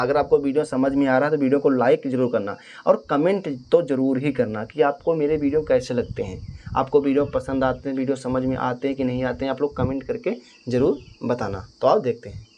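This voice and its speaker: A man's voice: mid-range voice, a little mellow, slight background noise. A man teaching harmonium in a casual spoken lesson, explaining step by step and singing short phrases to show each note. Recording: faint harmonium music behind. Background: harmonium playing.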